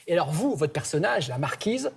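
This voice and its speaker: A woman hosts a morning television talk show with a husky, fairly low voice. She chats in a lively way and is quick to finish her guest's sentences. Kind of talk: casual talk show interview.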